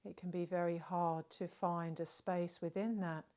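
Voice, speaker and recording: This is guided meditation narration from a woman leading a relaxation session, gentle and soothing. Her slightly low voice stays very even and moves very slowly, with long pauses separating short phrases.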